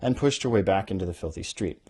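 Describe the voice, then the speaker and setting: Low-pitched man, husky, rambling casually. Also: quick pace. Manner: animated, self-interrupting, thinks aloud. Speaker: author hosting a podcast about their own book. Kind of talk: casual rambling talk with bits read aloud.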